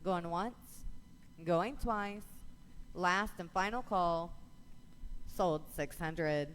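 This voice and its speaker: A woman auctioneer calling bids in a rapid, rhythmic chant, repeating numbers over and over at a live auction. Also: on the low side, fairly bright tone, a little hiss or hum.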